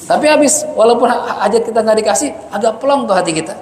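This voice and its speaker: Male religious teacher, high voice, jokey mosque lecture, echoey hall. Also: lively intonation, fast talker. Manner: joking, chatty, reads Arabic then explains it.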